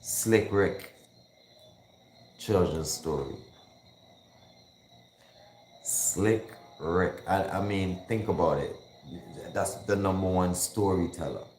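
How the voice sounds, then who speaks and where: In an echoey room with faint background noise, a man hosts a hip hop call-in show, his low voice slow and a little mellow, pausing often. He chats in a laid-back, slangy way, counting down songs and now and then breaking into a rap.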